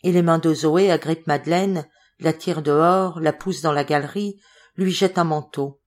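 A woman narrating a novel in a measured, dramatic reading. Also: sits low, steady tone, darkish tone. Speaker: audiobook narrator. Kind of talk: scripted literary narration.

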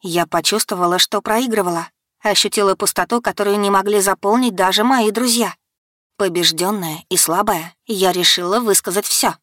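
A woman narrating a first-person audiobook in a steady, dramatic storytelling manner. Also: mid-range voice, moderate pace, dry recording, studio quality.

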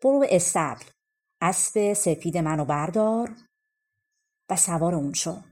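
A woman's voice: fairly low pitch, expressive, darkish tone, breathy edge. A woman doing a grave, knowing old man. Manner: grave, matter-of-fact warnings.

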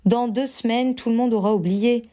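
Woman reading young woman, soothing, downplaying, higher, brisk. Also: fairly even intonation, mellow, natural voice. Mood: reassuring.

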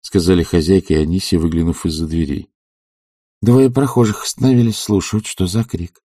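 Deep-voiced male audiobook narrator. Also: fairly quick, breathy edge, no echo, studio quality. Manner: calm, even narration between dialogue. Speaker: audiobook reader. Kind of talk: scripted narration.

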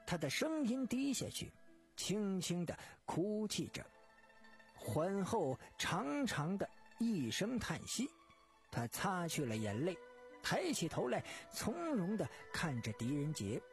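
An expressive storyteller reading a dramatic tale at a measured pace. The voice moves widely in pitch, with faint music underneath.

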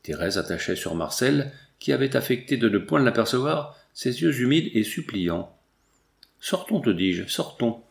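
A man narrating a classic novel aloud in an even, deliberate storytelling manner. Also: medium pitch, creaky. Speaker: audiobook narrator. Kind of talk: reading a 19th-century novel aloud. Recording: roomy echo.

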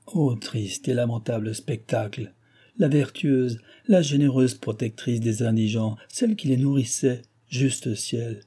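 A man's voice: medium pitch, unhurried, warm tone, breathy edge. A man reading the part of a tearful, compassionate old man who laments in solemn exclamations, in an audiobook. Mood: lamenting. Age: older.

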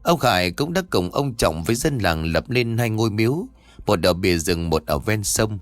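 A man's voice: on the low side, moderate pace, no echo, faint music behind. A man narrating a scripted horror story and voicing its characters himself. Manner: lively, voices the characters' dialogue himself.

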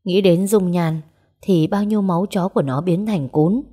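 A woman narrating a romance story aloud and voicing its characters in a gentle, even way. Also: on the low side, normal speed. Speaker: audiobook narrator. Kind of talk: storytelling narration with dialogue voices.

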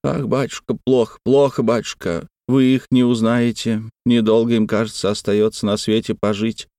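A man's voice: mid-range voice, flat delivery, moderate pace, mellow, no echo, studio quality, natural voice. A man reading in a raised voice as an eager, devoted old male servant who repeats his words fussily. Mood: mournful.

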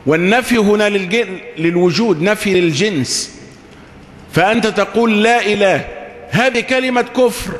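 A man's voice: high-pitched, fairly bright tone, reverberant, big-room sound. A man preaching a Friday sermon. He explains step by step, repeating phrases and asking rhetorical questions.

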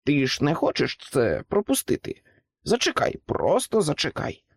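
A man voicing a calm, brave toy pig in a storybook, speaking in a coaxing tone. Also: on the high side, moderate pace, creaky, husky, no echo, studio quality, exaggerated voice.

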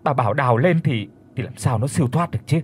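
A man's voice: mid-range voice, lively intonation, fast talker, darkish tone, breathy edge. A man playing a stammering frightened father. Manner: stammering, shaken. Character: terrified middle-aged father, stammering.

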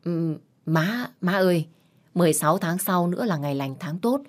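A woman's voice: fairly low pitch, expressive, moderate pace, close to an everyday voice. A woman voicing a polite, deferential young man who is a respectful suitor.

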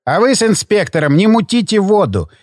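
Reading an audiobook, a man voices a domineering older hotel owner who furiously barks, bullies and shouts. His high voice is very animated and brisk, in studio-quality audio with no room sound.

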